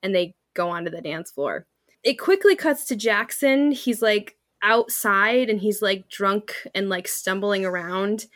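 A woman's voice: mid-range voice, unhurried, no echo, studio quality. Young woman animatedly recapping an episode. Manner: animated storytelling, acting out quotes with laughter. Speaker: podcast co-host. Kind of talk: casual recap chat.

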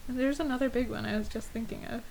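A woman's voice: a little high, steady tone, normal speed, gravelly, darkish tone, rough recording. A woman in her twenties in a casual chat, laughing often and swearing freely. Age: 20s.

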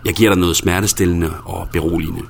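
A man reading the lines of a calm, friendly paramedic in a pleasant, reassuring tone. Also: deep voice, creaky, a little hiss or hum.

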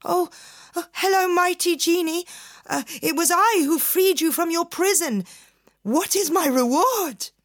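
A woman voicing a frightened little male fisherman who stammers and begs. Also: measured pace. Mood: nervous. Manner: stammering, high and pleading. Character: small terrified male fisherman, stammering and pleading.

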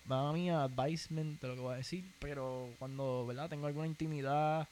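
A man's voice: a little high, fairly quick, a little hiss or hum. A young man with a Puerto Rican accent, telling stories in a casual podcast chat, full of slang and the word "papi". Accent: Puerto Rican Spanish. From Puerto Rico. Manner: animated storytelling, slangy, keeps saying "papi".

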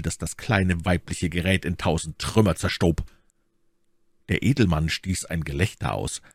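A man narrating a classic novel as an audiobook with expressive storytelling. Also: deep voice, no echo, studio quality. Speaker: audiobook reader.

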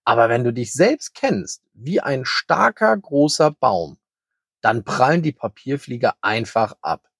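A man voicing a very old, calm and kind grey male hare in a children's story, speaking gently and wisely. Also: mid-range voice, a little slow, vocal fry, breathy edge, no room sound, studio quality, full character voice. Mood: gentle. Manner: gentle, soothing, wise.

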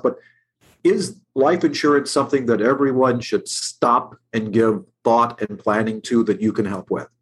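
A male talk-show host with an ordinary, mid-range voice. He puts his questions to the guest in a steady, measured way. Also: medium pitch. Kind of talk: interview questions.

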